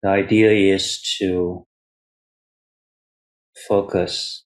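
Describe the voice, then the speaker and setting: A low-voiced man, speaking as a Buddhist teacher, leads a guided meditation and calls himself "teacher" in the third person. His delivery is flat and very slow, in short, measured phrases, with long pauses between each step.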